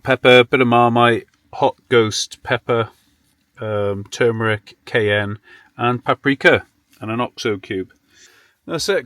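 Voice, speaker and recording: A British vanlife vlogger chats casually to camera, rambling, self-deprecating, and mildly sweary. His medium-pitched voice has a fairly bright tone, with no echo.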